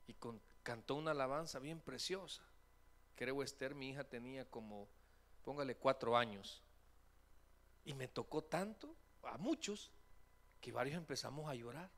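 A man, preaching a sermon as pastor in a church, acting out voices and joking with the congregation. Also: mid-range voice. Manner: animated, acts out quoted voices, jokes with congregation. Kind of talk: lively sermon. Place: church sanctuary.

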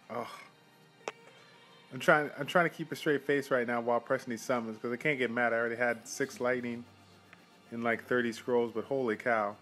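A young man hosting a mobile game channel, casually commenting on his summons with quick excited outbursts, recorded on a phone mic. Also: medium pitch.

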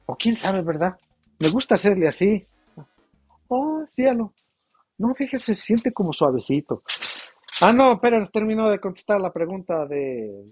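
A man's voice: on the high side, a little hiss or hum. A man, a taco vendor chatting casually on a livestream and reading viewer comments, laughing often. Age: 40s. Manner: chatty, laughs often, drawn-out playful exclamations.

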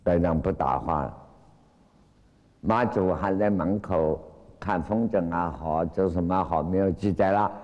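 A man teaching as a Buddhist lecturer, retelling a Zen story with lively acted-out cries and frequent drawn-out fillers. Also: low voice, dull audio. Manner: animated storytelling, acts out quoted cries. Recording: long hall reverb.

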